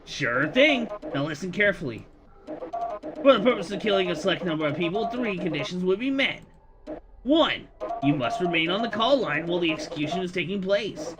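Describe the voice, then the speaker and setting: A man voicing a gleeful, scheming male demon who talks through a phone, showy and excitable in a sing-song way. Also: sits high, normal speed, voice pushed up. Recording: music playing behind voice.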